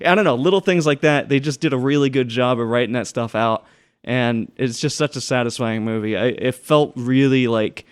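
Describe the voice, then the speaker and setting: A man's voice: mid-range voice, normal speed, clear, resonant tone. Rambling young man chatting casually. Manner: rambling, many restarts and fillers. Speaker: podcast co-host. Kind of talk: casual chat.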